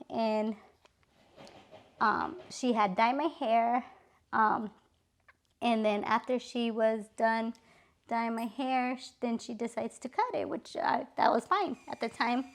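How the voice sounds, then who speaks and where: Gravelly-voiced chatty woman vlogger. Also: on the high side. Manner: chatty, full of "like" and "literally", exasperated. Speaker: beauty vlogger. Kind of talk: casual storytelling.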